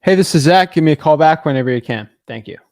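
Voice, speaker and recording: A man's voice: a little high, expressive, fast talker, darkish tone. Man leaving a short voicemail. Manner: short, polite call-back request. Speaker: cold caller.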